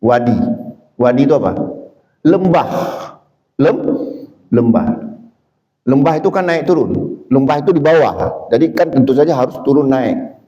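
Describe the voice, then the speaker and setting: A man preaching a sermon, who poses questions to himself and answers them, and who climbs high and loud when he quotes. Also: animated, normal speed, long pauses, muffled recording. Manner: explains by asking and answering his own questions; rises to high, loud emphasis when quoting. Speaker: Islamic preacher.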